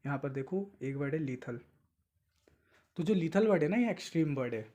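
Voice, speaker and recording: A man's voice: on the high side, animated, dark tone. Chatty young man coaching exam tips. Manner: chatty, coaxing, mixes English words and reads English statements slowly. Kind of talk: informal exam-tips lesson.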